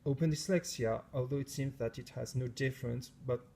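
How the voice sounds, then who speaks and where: A man's voice: mid-range voice, a little fast, gravelly, dark tone, a little hiss or hum. A French man, a science teacher, chatting casually to camera in his school lab, often searching for English words and correcting himself. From France. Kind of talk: casual vlog talk to camera.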